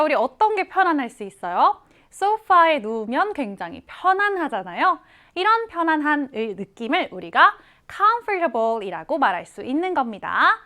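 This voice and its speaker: A woman teaching English vocabulary to students, explaining each word slowly and clearly and repeating example readings. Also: sits high, sharp tone.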